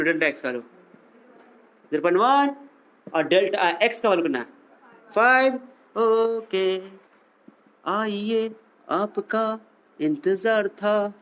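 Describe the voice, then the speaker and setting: High-voiced, joking physics teacher. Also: male voice, very animated, a little fast, long pauses, fairly bright tone. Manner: teasing, jokey, quizzes the students. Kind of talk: playful classroom lecture.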